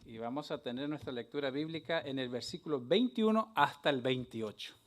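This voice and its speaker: A man's voice: mid-range voice, lively intonation, fairly quick. A male preacher greeting his congregation affectionately and leading them into the Bible reading. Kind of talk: sermon. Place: church sanctuary.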